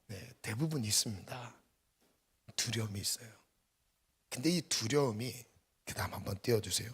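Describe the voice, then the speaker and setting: A man preaching a sermon as pastor, swinging from loud emphatic bursts to hushed near-whispers. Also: on the low side, expressive, moderate pace, breathy edge. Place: church sanctuary.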